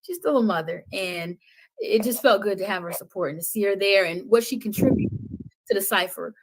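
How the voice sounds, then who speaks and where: A woman with a husky, medium-pitched voice and slightly fast delivery speaks as a podcast guest about love and healing. Her impassioned, conversational testimony has an emphatic preaching cadence, repeating phrases for weight like a sermon.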